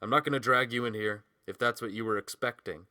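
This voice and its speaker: A man doing a low, blunt brooding man. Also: fast, pushed and bright, no room sound, clean studio sound. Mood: low intense. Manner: low, curt and direct.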